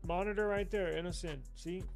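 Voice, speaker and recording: A man hosting a tech show, casually walking through sale items with loose, excited talk, restarts and mild swearing, from a home studio desk mic. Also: high-pitched, fairly quick, soft background music. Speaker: tech news host. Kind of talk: casual deal walkthrough. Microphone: desk microphone.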